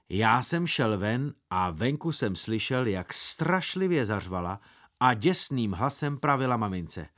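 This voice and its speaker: A man narrating a children's story aloud as a boy in the first person, telling it expressively. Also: medium pitch.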